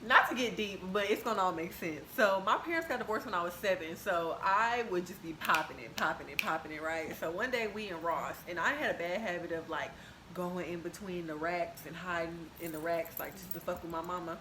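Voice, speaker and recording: A woman's voice: on the low side, a little fast, bright, forceful tone, a little hiss or hum. Blunt slangy woman in an echoey room. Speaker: podcast co-host. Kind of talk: casual chat.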